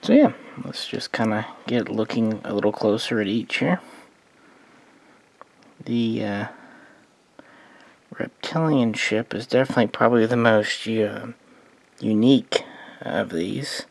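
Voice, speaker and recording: Gravelly low-voiced man reviewing models. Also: a little slow, long pauses, no echo. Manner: relaxed, meandering, thinks aloud with fillers. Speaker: collector reviewing model starships. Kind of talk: casual hobby overview.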